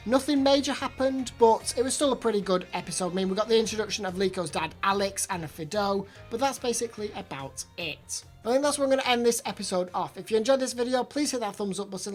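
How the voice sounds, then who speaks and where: This anime review host is a woman of medium pitch who talks fast and expressively, barely pausing, with faint music playing behind her. She chats casually through an episode recap, repeating words as she goes, her voice a little off because of hay fever.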